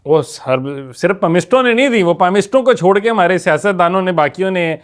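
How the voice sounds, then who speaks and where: A man's voice: high voice, animated. A man hosting a podcast interview, asking probing questions and mixing in English words. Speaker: podcast host.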